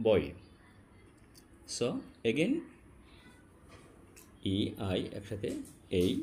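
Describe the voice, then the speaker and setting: A man teaching English vowel sounds to students, addressing them directly, slowly spelling out letters and repeating key sounds. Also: fairly low pitch, warm tone, a little hiss or hum. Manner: slow, drawn-out spelling of letters. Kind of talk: classroom-style phonetics lesson.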